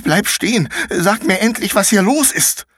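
A man's voice: sits high, expressive, moderate pace, fairly bright tone, no echo, voice pushed up. A man voicing an anxious, bewildered schoolboy caught up in an adventure, flustered and exclaiming, with a sarcastic streak, in a storybook reading.

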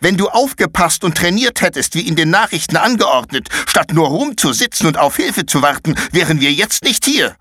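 A man's voice: fairly high pitch, expressive, a little slow, husky, voice pushed up, full character voice. A man voicing an angry young girl warrior in a fantasy audiobook, scolding and bossy. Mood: furious. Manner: sharp, scolding.

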